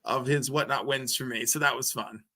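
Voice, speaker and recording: A man's voice: mid-range voice, fairly even intonation, moderate pace, pushed and bright. A man joining a casual hangout livestream as a guest, rambling and joking as he chats. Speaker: co-host guest.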